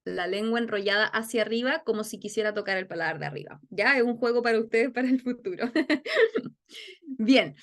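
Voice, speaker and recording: A woman's voice: on the high side, moderate pace. Woman teaching on a video call. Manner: explains patiently, checks understanding with frequent "ok?". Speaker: yoga and Sanskrit phonetics teacher. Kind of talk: online webinar lesson.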